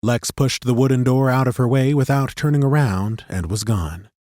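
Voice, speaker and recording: Speaking at a medium pitch, this male narrator tells a fantasy story with calm, even pacing, recorded on a studio microphone without any echo.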